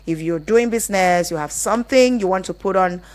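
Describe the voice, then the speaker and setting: A Nigerian woman's mid-range, darkish voice moves fairly quickly as she presents a live radio call-in advice show. She explains in a conversational style and rephrases often.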